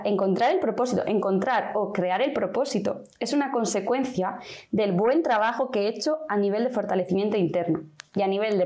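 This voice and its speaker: A woman's voice: mid-range voice, darkish tone. A woman guest, a vocational mentor, talking in a conversational interview and acting out inner voices as dialogue.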